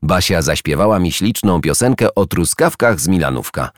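A man's voice: sits low, animated, normal speed, no room sound, clean studio sound. A man voicing a cheerful female squirrel who chats proudly as a local guide in a children's story. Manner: chatty, bright, proud of her town.

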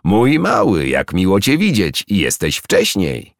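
A man reading a storybook aloud and voicing a kindly older male hedgehog uncle who explains things in a gentle, reassuring way. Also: sits low, huge pitch swings, unhurried, creaky, no echo, studio quality, voice pushed up, heavily acted. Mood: fond.

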